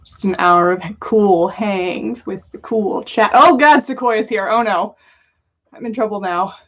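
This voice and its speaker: A woman with a mid-range, fairly bright voice hosts a casual podcast livestream at a measured pace. She chats and jokes playfully with her viewers, though the audio comes through dull and lo-fi.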